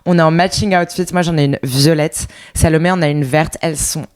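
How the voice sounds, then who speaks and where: A woman's voice: low-pitched, steady tone, brisk, darkish tone. A young woman in her twenties co-hosting a podcast in casual chat, chatty with many fillers and English words slipped in. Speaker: podcast co-host.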